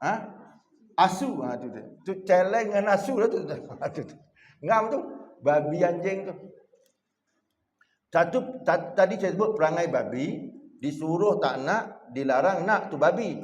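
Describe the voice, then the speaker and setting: Joking Malaysian preacher in echoing mosque. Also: male voice, sits high, measured pace, pauses often, dull audio. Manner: jokey, animated, keeps addressing the congregation. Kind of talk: mosque evening lecture. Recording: echoey mosque hall.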